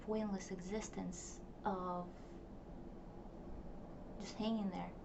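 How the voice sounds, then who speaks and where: This vlogger, a young woman who grew up speaking Russian, talks to camera in a wandering, thoughtful diary style packed with fillers. Her mid-range voice barely moves in pitch, coming slowly and with vocal fry, on a distant, muffled, noisy home recording.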